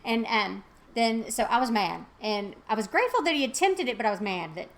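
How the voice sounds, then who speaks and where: A woman's voice: on the high side, brisk. A middle-aged woman, chatting casually and telling stories animatedly, with plenty of fillers. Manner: animated storytelling with many fillers. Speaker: host. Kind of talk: casual chat.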